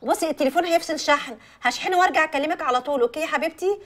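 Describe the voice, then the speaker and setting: An actress with an Egyptian accent playing a young woman calming her best friend over the phone. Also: high-pitched, rapid-fire. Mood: soothing. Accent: Egyptian Arabic. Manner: soothing, juggling two phone calls. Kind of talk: Egyptian TV drama acting.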